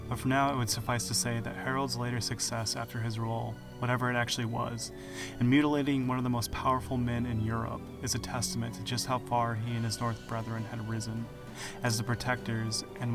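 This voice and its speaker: A man hosting a history podcast, telling it in measured, dramatic scripted narration. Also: mid-range voice, flat delivery. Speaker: podcast host. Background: music.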